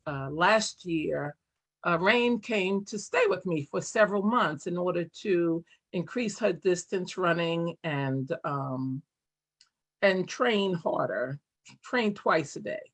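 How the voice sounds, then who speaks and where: A woman track coach recounting memories on a video call panel, in a measured way. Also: lowish voice, fairly bright tone. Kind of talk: personal storytelling on a panel.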